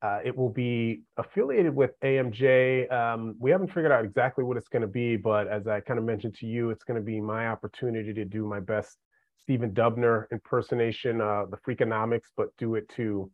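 A man's voice: mid-range voice, fairly quick, no echo. Man in his forties, dull lo-fi sound. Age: 40s. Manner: laid-back, joking, self-mocking. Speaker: podcast guest, management professor. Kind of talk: casual chat.

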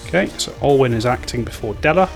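A man acting as game master, narrating a tabletop role-playing game with halting, deliberate suspense. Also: medium pitch, animated, creaky. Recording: background music under the voice. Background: music.

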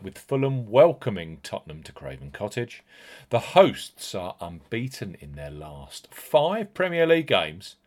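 A man hosting a podcast, reading scripted promotional narration with an emphatic sales delivery and stressed key words. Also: on the low side. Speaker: podcast host.

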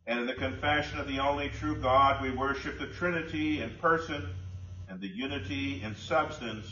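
A man leads the liturgy with solemn, measured prayers, his bright voice ringing around a cathedral echo. He is picked up from well back in the large sanctuary, and the recording sounds dull and muffled. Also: mid-range voice, a little hiss or hum. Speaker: pastor leading a liturgy. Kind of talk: formal liturgical intoning. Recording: dull, echoey church from far off.

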